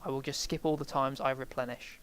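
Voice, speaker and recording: A man's voice: medium pitch, steady tone, fairly quick, a bit bright. A man giving casual let's play commentary, rambling and thinking aloud as he plays a game. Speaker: game streamer.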